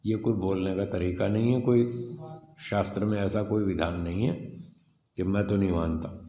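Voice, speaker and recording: A man teaching a scripture class, reading a passage and explaining it slowly, sounding out letters one by one. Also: fairly low pitch, warm tone, echoey room, long reverb tail, a little hiss or hum. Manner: slow, deliberate, spells out sounds and letters. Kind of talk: explanatory lesson reading and commenting on a text.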